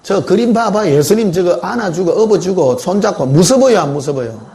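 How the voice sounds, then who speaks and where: A man preaching, his pitch sitting a little high and swinging widely as he talks. He preaches in a conversational, storytelling way and keeps asking the congregation questions. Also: lively intonation, brisk, mellow. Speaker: pastor. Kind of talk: sermon. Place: church.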